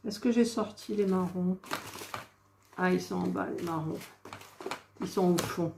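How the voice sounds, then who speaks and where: A woman narrates her own craft work in a slow, unhurried way, muttering as she searches for missing pieces. Her voice rings in an echoey room with a faint hiss behind it. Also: on the low side, gravelly. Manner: talks to herself while searching, exasperated asides. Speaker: crafting vlogger. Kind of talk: casual crafting chatter.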